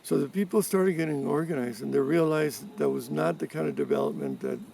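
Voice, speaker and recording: A man in his seventies from Cuba, giving interview answers in a measured way with pauses and restarts. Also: on the high side, sing-song, vocal fry, a crowd in the background. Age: 70s. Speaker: interviewee, environmental activist. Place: rural farm in mountains. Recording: distant mic with faint background noise.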